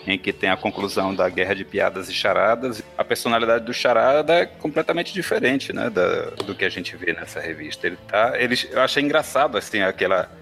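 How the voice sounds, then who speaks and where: A man's voice: fairly low pitch, lively intonation, brisk, gravelly, hardly any pauses, a bit bright, soft background music. A man co-hosting a casual comics podcast, giving opinions with hesitant restarts. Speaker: podcast co-host.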